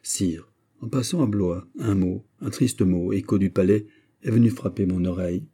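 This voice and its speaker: A man's voice: deep voice, moderate pace, dark tone, slightly rough. A man voicing a bold, bantering veteran musketeer in an audiobook, teasing and familiar, voice raised above his narration. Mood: grave. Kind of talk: audiobook character voice.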